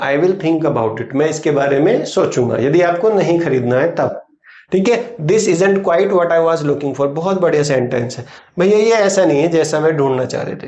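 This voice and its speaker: A man with an Indian accent teaching spoken English, explaining in Hindi and saying English phrases slowly. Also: a little high, a little mellow, roomy sound, highs cut off. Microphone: writes on a board while teaching.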